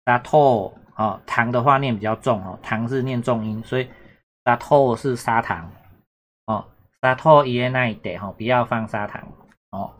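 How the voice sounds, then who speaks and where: A Japanese teacher with a mid-range, slightly bright voice gives a casual exam-prep lesson. He is chatty and repetitive, going over points again and often checking whether students follow by asking "懂哈？有没有？".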